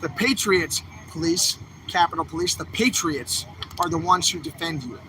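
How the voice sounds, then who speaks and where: A man's voice: a little high, normal speed, background noise. A man filming on a phone outdoors on a city street, delivering an impassioned, angry livestream rant full of repeated calls to action. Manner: fiery, repetitive, angry exhortation. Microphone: handheld phone camera.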